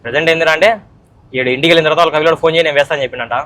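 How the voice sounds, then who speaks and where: A man's voice: fairly high pitch, fairly even intonation, rapid-fire, fairly bright tone, no echo. A young man narrating a casual vlog, chatty and teasing as he talks straight to viewers. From Andhra Pradesh, India. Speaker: vlogger.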